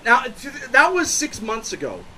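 A young man tells a stand-up story at a live show in a bar. His voice sits high and leaps around constantly. He trips over his words and restarts while the tale tumbles out. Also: moderate pace, slight background noise, low-quality recording. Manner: rambling, self-interrupting, animated. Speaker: stand-up comedian.

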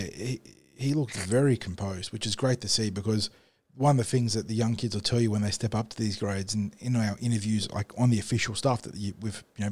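A man's voice: on the low side, a little mellow, slightly rough, dry recording. A man co-hosting a podcast, analysing a match in long, fluent runs. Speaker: podcast co-host. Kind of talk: casual sports analysis.

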